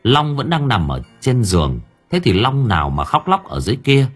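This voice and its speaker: A man narrating a story with lively, expressive storytelling. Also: mid-range voice, normal speed, husky, faint music behind. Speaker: audiobook narrator.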